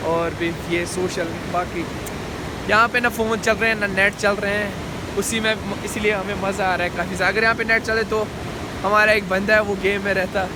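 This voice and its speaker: A man's voice: high voice, heavy background noise. A young man chatting casually as he narrates a travel vlog while walking outdoors in the mountains, recorded on a handheld phone. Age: young adult. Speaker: vlogger.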